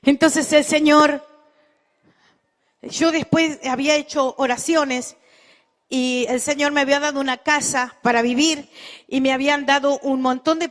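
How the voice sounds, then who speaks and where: A woman's voice: high voice, big-room sound. A middle-aged woman pastor, telling a testimony in a sermon and quoting dialogue as she goes. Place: church.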